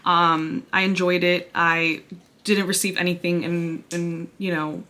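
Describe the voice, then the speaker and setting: A woman chatting casually through a book review to camera, sounding breathy and out of breath. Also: lowish voice, flat delivery, measured pace, bright, forceful tone, a little hiss or hum. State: out of breath from pregnancy.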